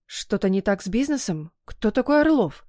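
A woman's voice: medium pitch, very animated, normal speed, warm tone, dry recording, clean studio sound, natural voice. A woman reading an audiobook, voicing a stubborn young bride-to-be who presses and reproaches her fiancé. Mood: pleading.

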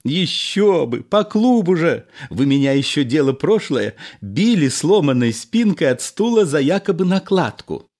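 A man voicing a gushing ex-card sharp. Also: fairly high pitch, big pitch swings, a little slow, hardly any pauses, pitched above the performer's own voice, exaggerated voice. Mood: gushing nostalgia. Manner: effusive, exclamatory. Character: emotional former card sharp, nostalgic émigré man.

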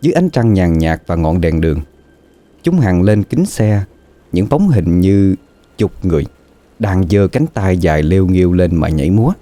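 A man narrating a scripted horror story in a slow, dramatic, suspenseful way. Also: low voice, very animated, mellow, no room sound.

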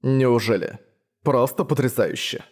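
Man voicing a sullen young man, gruff, defensive, audiobook. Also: mid-range voice, unhurried, a little mellow, lightly acted. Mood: grumpy.

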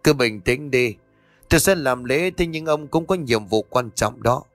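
A man playing a calm village sorcerer. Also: mid-range voice, moderate pace, no echo, soft background music, close to an everyday voice. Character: calm male village sorcerer, matter-of-fact.

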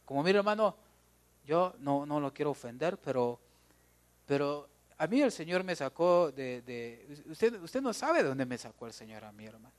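Guatemalan preacher guy, kinda high voice, jokey and animated sermon at church. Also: moderate pace. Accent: Guatemalan Spanish. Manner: lively, joking, talks straight to the congregation.

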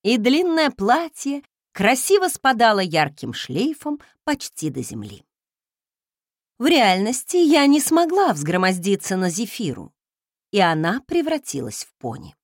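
A woman reads a first-person novel aloud with wry, expressive storytelling. Her pitch rises and falls widely across phrases, and the recording is dry and close with no room sound. Her voice sits in a middle pitch range. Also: no room sound. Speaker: audiobook narrator.

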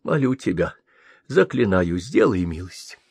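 A man's voice: deep voice, sing-song, a little slow, creaky, slightly rough, dry recording, studio quality, exaggerated voice. A male reader voicing a grey old exiled prince who pleads and cries out to be killed. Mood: desperate pleading. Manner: pleading, crying out to the heavens. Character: old broken exiled prince, begging for death.

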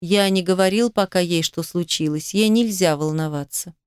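A woman reading an audiobook voices a domineering young man who speaks calmly, firmly and with reproach. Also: normal speed, clean tone, dry recording, clean studio sound, lightly acted. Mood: hushed. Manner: firm, reproachful, low-key.

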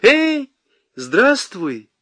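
Male reader putting on a hurt young postwoman; plaintive, pitched up, lively, dry studio read. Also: takes it slowly, no echo, full character voice. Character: village postwoman, young woman, timid, hurt.

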